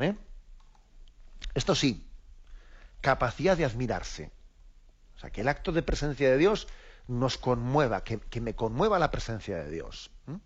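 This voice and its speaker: A man's voice: medium pitch, dull audio. A man from Spain, a bishop, explaining the catechism in a radio lesson, reflective and repeating his words as he goes.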